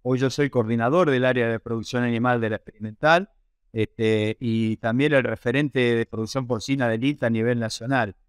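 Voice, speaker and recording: Using a wired earphone headset in a small indoor office, an older Argentine-accented man in his late 50s to 60s talks conversationally about his work as a pig production researcher and lecturer during a video call interview. He speaks at normal speed in a smooth, mid-range voice with fairly even intonation. The sound is studio quality, with no echo.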